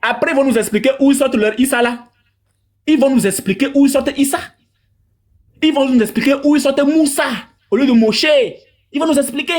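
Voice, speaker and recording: A Togolese man delivers polemical religious commentary, animated and mocking, repeating phrases for emphasis. His voice is very high and he talks briskly.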